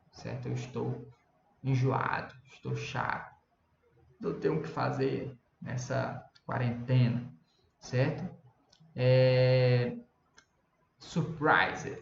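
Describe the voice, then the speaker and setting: Gravelly and darkish in tone, this mid-range male voice belongs to a Brazilian man chatting through an English lesson, mostly in Portuguese with English words mixed in. The recorded online lesson sounds lo-fi and roomy with a faint hum.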